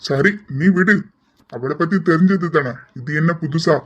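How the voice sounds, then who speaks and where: A man's voice: a little high, a little slow. A man voicing a firm middle-aged father who gives instructions about his daughter's wedding. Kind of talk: amateur family drama. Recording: dull lo-fi recording.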